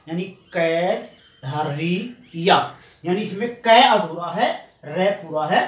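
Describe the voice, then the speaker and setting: A man teaching a Hindi spelling lesson, explaining step by step and drawing out each syllable slowly. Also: high voice, fairly bright tone. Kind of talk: classroom spelling lesson at a board. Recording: echoey room, far from the mic, faint noise.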